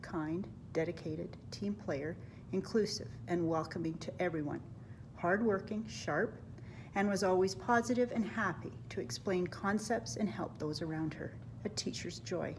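A middle-aged woman with a fairly low voice reads a prepared tribute, warm and admiring as she lists a student's qualities. She speaks close to a webcam at home, with a faint hiss of noise behind her. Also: unhurried. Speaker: teacher introducing the valedictorian. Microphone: webcam, close framing.

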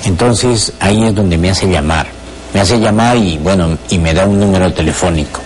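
A man's voice: low voice, moderate pace, slight background noise. A middle-aged man with a Peruvian Spanish accent, a former lawyer who is a guest in a TV studio interview and speaks hesitantly, with many fillers and repeated words. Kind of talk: television interview. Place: television studio.

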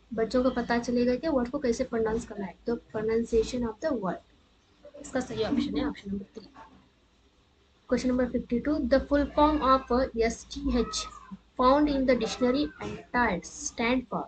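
High-voiced woman teacher, exam walkthrough. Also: steady tone, slight background noise, low-quality recording. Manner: reads English options slowly, explains rapidly in between. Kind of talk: exam answer-key walkthrough.

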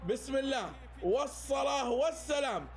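A man reacting to a football match on video, excitable, often shouting and laughing. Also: very high-pitched, normal speed.

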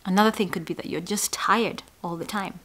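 A woman talks straight to her viewers as a psychologist, in a mid-range voice. Her delivery is emphatic, and she often sinks into a soft, near-whispered aside to press a point home. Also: medium pitch, fairly even intonation, fairly quick. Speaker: psychologist hosting an educational channel. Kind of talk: explanatory talk to camera.

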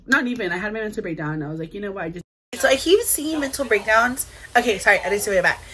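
A young woman vlogging to camera about her feelings, tearful and halting, full of fillers. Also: mid-range voice, expressive, pushed and bright, slight background noise, low-quality recording. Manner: halting, emotional, filler-heavy with lots of "like". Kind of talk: confessional vlog to camera.

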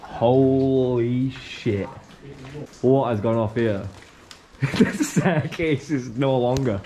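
A young man with a casual, swearing commentary, exploring a dark abandoned building on a handheld camera. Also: mid-range voice, background noise. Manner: chatty, swearing, quick running commentary. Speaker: urban explorer host. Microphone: camera held at arm's length. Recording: music playing under the voice.

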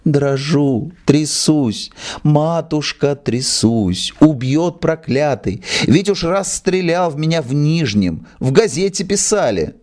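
A man's voice: on the high side, animated, slow pace, darkish tone, voice pushed up. A man voicing a cowardly old theatre manager who pleads in a trembling, nasal half-whisper, in a storybook reading. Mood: pleading.

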